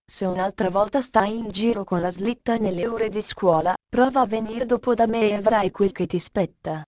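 A woman voicing a stern but kind old mountain grandfather in a storybook reading, speaking firmly and slowly. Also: mid-range voice, a crowd in the background, lightly acted. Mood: scolding.

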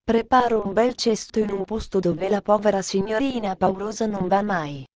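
A woman playing a brisk, good-humoured butler. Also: mid-range voice, a little mellow, dry recording, highs cut off, lightly acted. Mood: reassuring. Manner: hurried, brisk. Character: loyal male butler, hurried and good-humoured.

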